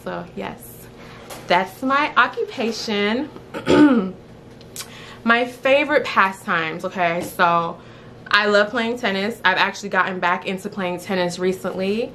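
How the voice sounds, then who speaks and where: Bright chatty girl in her 20s vlogging to camera, rambly and playful, bit of faint hiss. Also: medium pitch, slow pace. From South Florida. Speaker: beauty vlogger, licensed esthetician. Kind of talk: casual chat to camera. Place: indoors, small room before a woven screen.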